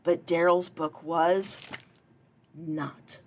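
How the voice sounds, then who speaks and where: This woman, a former children's librarian now directing a library, reads a picture book for story time with expression, breaking off for friendly asides to the kids. She speaks extremely slowly, her pitch fairly low and her intonation fairly even.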